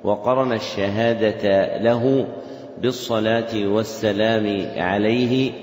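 A man teaching a religious text in a lesson, speaking slowly and repeating phrases so students can write them down. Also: lowish voice, fairly even intonation, a little mellow, echoey room, long reverb tail. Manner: slow, repeats phrases for dictation. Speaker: Islamic scholar teaching a hadith text. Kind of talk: classroom lesson explaining a text.

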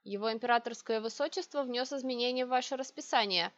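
A man's voice: extremely high pitch, quick pace, a bit bright. A woman voicing a dutiful male palace secretary who gives a formal report, in a slightly dull recording.

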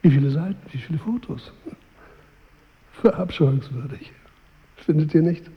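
A man's voice: on the high side, moderate pace, lightly acted. An actor playing a vain, weary King Arthur in a radio drama, speaking in a wry, stately manner. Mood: musing, haughty. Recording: roomy hall reverb, narrowed sound.

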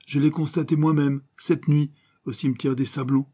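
A man voicing a scheming young adventuress who speaks smoothly and turns menacing. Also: a little high, level tone, moderate pace, warm tone, voice pushed up. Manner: smooth, then harsh and threatening.

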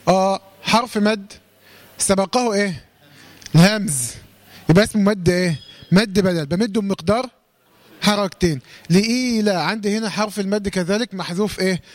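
High-voiced Egyptian man teaching recitation. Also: no room sound. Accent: Egyptian Arabic. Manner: quizzing, asks questions and answers them himself; slowly drawn-out recitation demos. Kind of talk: Quran recitation lesson.

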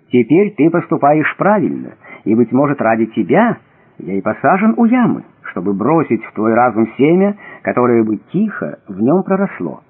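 Man reading as a calm wise stranger, lowish and steady, a bit mocking, tinny sound. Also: husky, exaggerated voice. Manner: calm, instructive, slightly mocking. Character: calm mysterious male watchman, patient, wise. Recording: thin phone-like audio.

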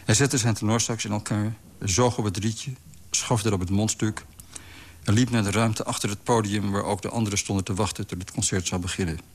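A man reading a literary story aloud in a calm, measured way. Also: fairly low pitch, a little hiss or hum. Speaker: narrator. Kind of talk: scripted literary narration.

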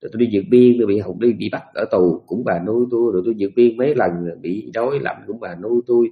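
A man's voice: fairly low pitch, very fast, phone-quality sound, natural voice. Dying elderly husband, voiced by a man, insistent retelling. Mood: pleading. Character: dying elderly husband recounting his hardships.

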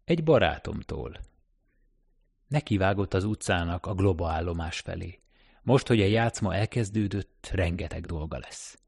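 A man narrating an audiobook, reading in an even, steady manner. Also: sits low, slightly rough, no room sound, studio quality. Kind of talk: scripted narration.

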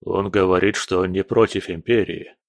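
A weary, disgusted general with a deep, grim and contemptuous delivery, played by a man in an audiobook. The voice sits low and the sound is dry. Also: fairly even intonation, moderate pace, no echo. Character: weary, disgusted middle-aged male general.

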